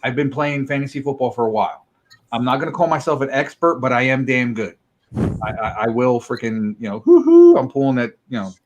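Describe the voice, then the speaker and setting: A man's voice: mid-range voice, fairly even intonation, fairly quick. A man hosting a casual online chat, teasing his friends in a joking, boastful way. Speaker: podcast host.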